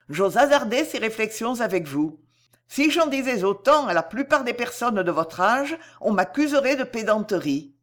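A gracious older noblewoman, read aloud by a woman, speaking in a formal, measured way full of warmth for the one she is leaving. Her manner is refined and affectionate, in the style of an audiobook reading. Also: a little high, lightly acted.

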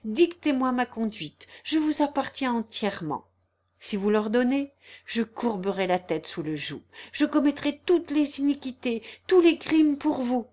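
A woman's voice: sits high, lively intonation, a little slow, darkish tone. Woman voicing a fervent young male lover, pleading, storybook reading. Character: young man, ardent, impassioned lover. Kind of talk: audiobook reading.

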